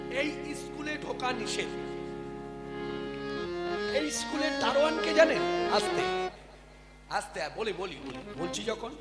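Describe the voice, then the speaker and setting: A man giving a devotional sermon, questioning his listeners emphatically. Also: very high voice. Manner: addresses the audience with questions, emphatic. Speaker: kirtan preacher. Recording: echoey hall with music behind.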